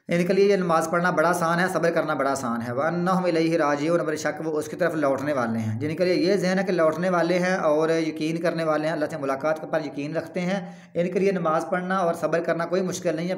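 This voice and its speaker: A man with a fairly high voice gives a scripture lesson in an echoey room. He recites each verse slowly and then explains it plainly, like a teacher. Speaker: religious teacher. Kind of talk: Quran commentary lesson.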